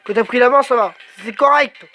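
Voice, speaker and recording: A man giving let's play commentary, swearing a lot and exclaiming excitedly as he talks to himself. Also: very high voice, fairly quick, soft background music. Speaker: gamer.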